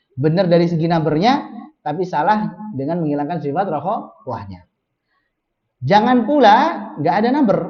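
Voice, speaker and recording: Male tajwid teacher, corrective and patient, slow modeled chanting, muffled recording. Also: on the high side. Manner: patient, corrective, models recitation slowly then explains. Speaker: Quran recitation teacher. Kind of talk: tajwid lesson with call-and-response drills. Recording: dull lo-fi sound.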